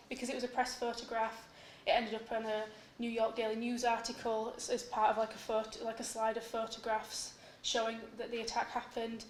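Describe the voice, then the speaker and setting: A young woman giving an academic conference presentation about her research as a PhD student. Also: a little high. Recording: echoey room with faint noise.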